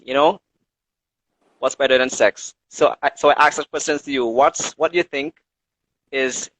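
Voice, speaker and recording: A man's voice: on the high side, a bit bright, low-quality recording. A man hosting a casual talk show, hesitant and repeating his phrases with many fillers. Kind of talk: casual chat.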